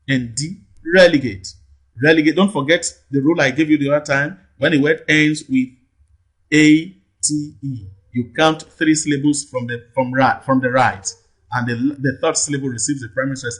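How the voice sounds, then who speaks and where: Husky Nigerian tutor repeating words slowly. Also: male voice, fairly high pitch, fairly bright tone. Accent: Nigerian English. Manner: slow, drawn-out repetition of words, frequent "okay" checks. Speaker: English tutor. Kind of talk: exam-prep lesson.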